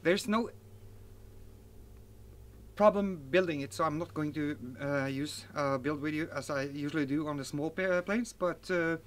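An unhurried man with a voice on the high side unboxes and reviews a model plane in his garden. In his forties and a native Norwegian speaker, this RC hobby reviewer keeps things casual, full of fillers and self-corrections.

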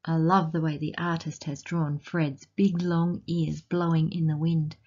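An Australian woman unhurriedly reads a picture book to young children, stopping to ask them gentle, teacherly questions. Her slightly low voice has a soft, breathy huskiness and a level tone. The recording is somewhat dull and lo-fi.

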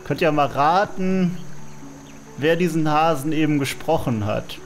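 A man's voice: a little high, expressive, unhurried, faint music behind. A man hosting a let's play with casual game commentary.

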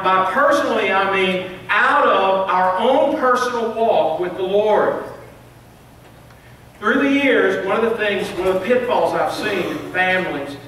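A man's voice: sits high, sharp tone. A middle-aged male pastor preaching a sermon at a lectern, earnest, building emphasis and often restarting his phrases. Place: large church sanctuary, preaching at a lectern. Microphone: lectern microphone, filmed by a far camera. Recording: echoey sanctuary, distant mic, faint hiss.

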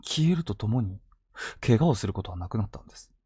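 A man retelling collected true ghost stories in a hushed, suspenseful storytelling manner with sudden vivid turns. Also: lowish voice, big pitch swings, fast talker, husky, dry recording, studio quality.

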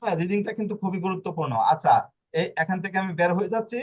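A man's voice: sits high, racing, lo-fi sound. A man teaching a language class online, explaining step by step and asking himself questions as he goes. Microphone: video call.

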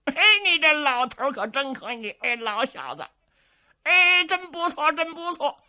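A woman's voice: high-pitched, sing-song, moderate pace, bright, forceful tone, exaggerated voice. A woman doing a naive simple-minded young strongman. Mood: naive, cheeky. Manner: childlike, blunt questions, cheeky.

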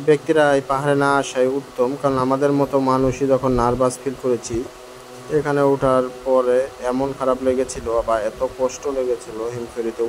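Climbing stairs up a hillside, a male travel vlogger talks frankly to his viewers, a bit out of breath, chatting and complaining as he walks. His voice is medium-pitched, and the low-quality handheld phone recording picks up loud outdoor noise.

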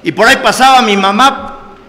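A man with a Mexican accent giving a personal testimony to a meeting, earthy and full of swearing, swinging between loud emphasis and low confiding tones. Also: moderate pace. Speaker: speaker sharing his testimony at a recovery meeting. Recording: echoey hall, faint background noise.

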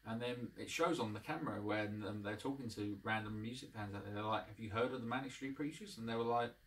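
A man's voice: on the low side, fast, fairly bright tone, recorded from a distance, slight background noise. A man in his thirties hosting a casual to-camera review at home, rambling with lots of ums and restarts. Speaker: channel host, reviewer. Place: living room at home. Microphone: camera across the room.

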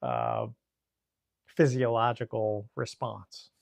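A man, a therapist co-hosting a podcast, explaining calmly and mixing clinical terms with casual swearing. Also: mid-range voice, slow pace, gravelly. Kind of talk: casual chat.

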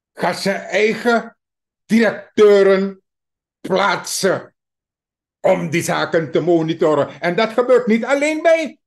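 A man with a Surinamese Dutch accent giving a mocking, emphatic political commentary to his viewers. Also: sits high. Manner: slow, mocking, emphatic, addresses viewers as dear friends. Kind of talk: opinion commentary monologue.

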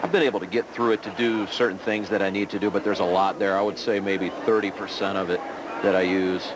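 A man's voice: low voice, fairly even intonation, quick pace. A man giving casual, unscripted answers as a guest in a product demonstration. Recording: clearly noisy background ambience.

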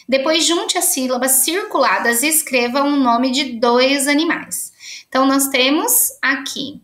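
A woman with a Brazilian accent teaching young children remotely, cheerful and encouraging, sounding out syllables slowly. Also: high voice, a bit bright, roomy sound. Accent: Brazilian Portuguese. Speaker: primary school teacher.

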